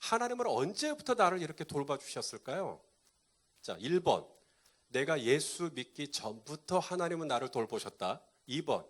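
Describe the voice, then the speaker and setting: A pastor preaching a sermon to a live congregation, quizzing them and repeating key points. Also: male voice, fairly high pitch, big pitch swings, normal speed.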